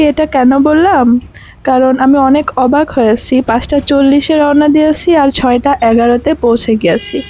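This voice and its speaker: A young woman with a Bangladeshi Bengali accent, hoarse from a cold and fever, chatting through voice-over narration of her travel vlog. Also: high-pitched, mellow, low-quality recording. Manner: chatty, conversational storytelling. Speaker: vlogger.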